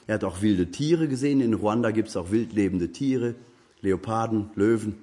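Husky German-speaking preacher, earnestly exhorting. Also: male voice, normal speed, warm tone. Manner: earnest, exhorting, rising in pitch when urging listeners. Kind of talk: sermon.

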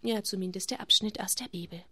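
A woman gently telling a Bible story to children and talking to them directly. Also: mid-range voice, quick pace.

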